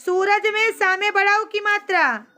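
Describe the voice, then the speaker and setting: A woman tutor checking her pupils' homework, sternly correcting their mistakes and slowly spelling words out letter by letter. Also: extremely high pitch, bright, forceful tone. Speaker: home tutor.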